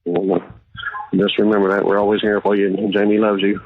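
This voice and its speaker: A man talking over a jail payphone call line, halting and reassuring as he speaks with a jailed relative. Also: lowish voice, level tone. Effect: heard over a jail payphone call line. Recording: tinny phone line with faint hiss.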